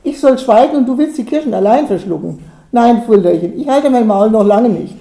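A woman's voice: a little high, lively intonation, fairly quick. A woman voicing an agitated farmer's wife who snaps back sharply, recorded in an echoey room. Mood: scolding. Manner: sharp and scolding.

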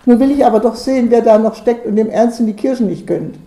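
A gruff, excitable village farmer who blusters and exclaims at full volume, as a woman reading a storybook puts him on. His voice rides high and loud over a mellow tone. The room around him is echoey. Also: fast talker. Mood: blustering.

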